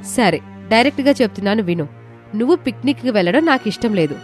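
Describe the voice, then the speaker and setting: A woman plays a young woman who has raised her sister alone, in an audio story. She talks earnestly, with a slightly high, pleading tone. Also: animated, quick pace, soft background music, close to an everyday voice. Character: responsible young woman, caring older sister.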